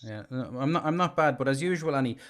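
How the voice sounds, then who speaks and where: A man with a Dublin accent hosting an online singing session over a video call, chatting in a quick, friendly way. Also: on the high side, crowd noise. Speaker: host.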